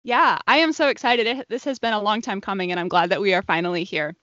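A woman's voice: mid-range voice, quick pace, sharp tone, dry recording. A woman hosting a podcast, enthusiastic and affirming, chatting casually with her guest. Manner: enthusiastic, affirming with frequent "mm-hmm". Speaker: podcast host. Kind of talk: casual interview chat. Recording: dry, slightly lo-fi podcast audio.

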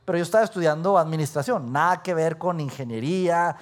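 A Mexican man preaching a sermon in story form, acting out his own dialogue with lively swings in pitch and loudness. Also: fast talker. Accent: Mexican Spanish. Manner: animated, acts out dialogue with shifting pitch and loudness.

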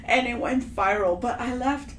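A Canadian woman chatting on a podcast, telling a lively story and laughing often. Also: a little high, normal speed, roomy sound, a little hiss or hum. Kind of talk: casual podcast chat.

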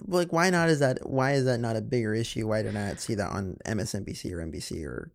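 A man's voice: on the low side, lively intonation, quick pace, gravelly. A man co-hosting a podcast, talking in a casual, rambling way with many fillers and restarts. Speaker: podcast co-host. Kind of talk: casual chat.

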